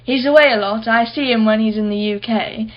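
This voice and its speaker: An actress plays a wealthy society woman in a radio drama, using a fairly high voice close to her everyday one and a brisk, clipped, imperious delivery. The character comes across as blunt, brittle and guarded, and the recording sounds somewhat dull and muffled.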